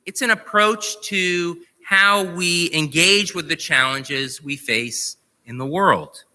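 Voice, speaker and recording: Slow, bright-voiced man preaching in a reverberant hall. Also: fairly high pitch. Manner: measured storytelling, conversational. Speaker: rabbi. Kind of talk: sermon. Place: large sanctuary. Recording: reverberant sanctuary on live stream.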